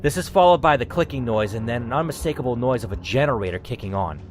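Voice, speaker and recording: A man with a medium-pitched, animated voice reads an interactive story game aloud quickly in the first person. He breaks off to think aloud about his choices and curses now and then, with a little hiss or hum on the recording.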